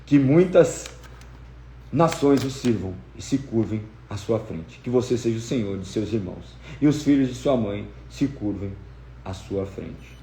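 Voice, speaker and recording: A man voicing an aged, tender father who speaks low, soft and solemn. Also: animated, a little slow, slight background noise. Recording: echoey room.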